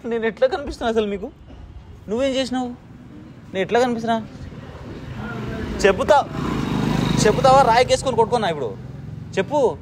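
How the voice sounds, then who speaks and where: A man with a high voice teases a little child in a mock-stern way, repeating his questions over and over. Between the scolding he coaxes and soothes her, saying the same gentle words many times. Faint noise hums under his voice. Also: animated, fast talker, long pauses. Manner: coaxing, repeating soothing phrases. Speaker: vlogger playing with a small child. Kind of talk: casual teasing talk with a child.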